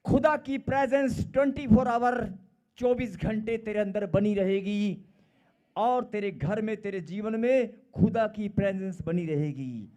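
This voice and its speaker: A middle-aged man preaching a sermon, emphatic and repetitive, swinging between loud calls and quiet asides. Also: sits high, a little slow.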